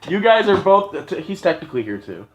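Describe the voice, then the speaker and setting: A man's voice: sits high, very animated, brisk. A man playing a tabletop game, firing off joking questions and talking over the others. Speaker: player. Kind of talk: casual tabletop game banter. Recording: echoey room.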